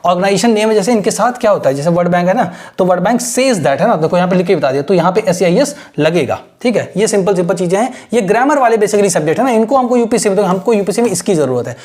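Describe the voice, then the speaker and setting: A man's voice: sits high, animated, very fast, few pauses, a little mellow. A man teaching English grammar, explaining step by step and checking in with his students after almost every sentence. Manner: explains step by step with constant "right?" check-ins. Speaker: English teacher for exam aspirants. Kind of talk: mixed Hindi-English lecture.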